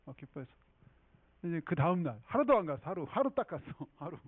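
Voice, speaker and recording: A man's voice: a little high, big pitch swings, brisk, no echo. A male pastor preaching a sermon in a chatty storytelling way, often checking in with the congregation. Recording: tinny phone-like dry sound.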